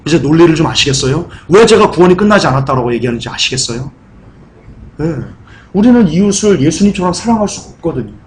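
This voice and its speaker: A man preaching a sermon in a church, asking the congregation questions and rising into high, pleading cries. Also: animated, fast talker. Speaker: pastor. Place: church sanctuary.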